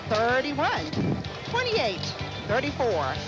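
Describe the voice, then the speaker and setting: A woman's voice: sits high, wildly swooping pitch, slow pace, poor audio. A woman hosting a televised lottery draw, announcing in a scripted presenter style. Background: loud music.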